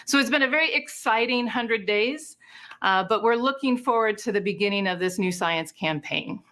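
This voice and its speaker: Woman, medium pitch, explanatory, upbeat, space mission presenter, prepared update. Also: lively intonation, moderate pace, a bit bright. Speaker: space mission team member.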